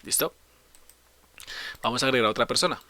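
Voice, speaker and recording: Male tutor with a bright voice for a screen-recorded coding lesson. He walks through each step, poses questions and answers them himself, with keyboard typing behind. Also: mid-range voice, a little fast. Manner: explains step by step, asks and answers his own questions, corrects slips. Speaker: programming teacher.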